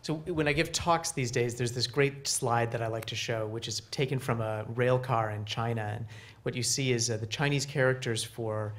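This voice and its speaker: A middle-aged man speaking on a conference panel stage into a handheld mic, casual and animated, with many fillers and restarts. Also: mid-range voice, moderate pace. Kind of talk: panel discussion.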